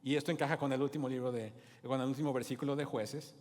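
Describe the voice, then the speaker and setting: A man's voice: medium pitch, steady tone, fast talker, darkish tone. A man preaching a sermon as pastor, with rising emphasis and calls to the congregation. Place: church hall. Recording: long hall reverb.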